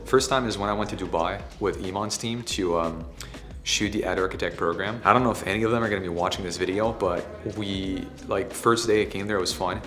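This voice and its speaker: A hoarse ad agency owner, still recovering from losing his voice, vlogs casually to camera while hosting a workshop. He speaks low and fairly quickly, keeping it soft to spare his throat and swearing now and then. The room is echoey, with faint music behind him.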